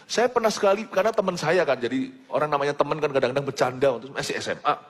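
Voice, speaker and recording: An Indonesian man preaching a sermon in an animated manner, mimicking the sounds of foreign languages and moving between loud and hushed delivery. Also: a little high, rapid-fire, breathy edge, big-room sound.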